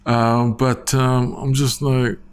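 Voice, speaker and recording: His church story comes out slowly and in a level tone, with a clean, medium-pitched voice. The man, in his forties, gives a casual, rambling testimony peppered with "you know what I mean?"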